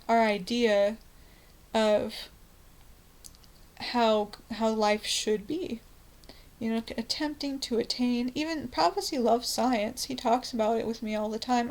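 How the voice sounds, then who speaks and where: A woman's voice: fairly high pitch, poor audio. Rambling, fervent woman preaching prophecy. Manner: rambling and fervent, with frequent restarts and "you know". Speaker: self-styled prophet promoting a faith. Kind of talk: evangelizing monologue.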